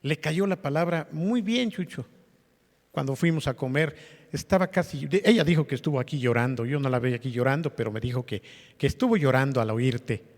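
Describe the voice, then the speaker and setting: A man's voice: medium pitch, a little fast. Pastor guy preaching, chatty, keeps asking the crowd questions, echoey hall. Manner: conversational preaching with rhetorical questions to the congregation. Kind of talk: sermon. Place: church meeting hall. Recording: long hall reverb.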